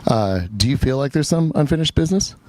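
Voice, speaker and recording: A male sports reporter talks quickly in a lowish, mellow voice. The sound is dry and his questioning is conversational. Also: lively intonation, dry recording.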